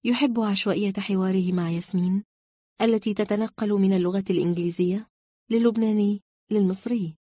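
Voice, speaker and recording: A woman narrating a story in a calm, measured reading style. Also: mid-range voice, dry recording, clean studio sound.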